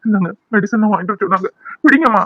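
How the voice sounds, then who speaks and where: A man's voice: sits high, racing, no room sound, highs cut off. A man voicing a devoted grown son in a cartoon, pleading and reassuring his mother. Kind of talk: cartoon voice acting.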